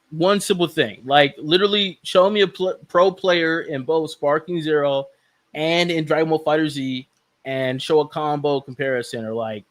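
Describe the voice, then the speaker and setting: A man's voice: on the high side, a bit bright. A man debating casually in an informal, slangy way.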